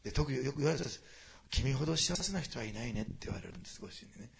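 A man preaching a sermon to a congregation, moving quickly between quiet storytelling and loud, animated passages. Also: medium pitch, gravelly. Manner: fast, animated preaching that swings from hushed asides to loud climaxes. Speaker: pastor.

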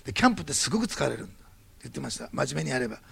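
A man preaching a sermon, his voice heavily gravelly and husky. He speaks fast, with wide swings of pitch as he acts out the people in his anecdote before turning to prayer. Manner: lively storytelling, acting out quoted dialogue. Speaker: pastor.

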